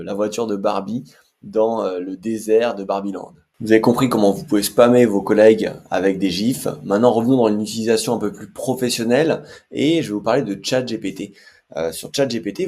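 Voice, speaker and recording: Male tutorial host, low register, relaxed and hesitant delivery, walks viewers through tools. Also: husky. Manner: chatty, many filler hesitations. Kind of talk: casual screen-share tutorial.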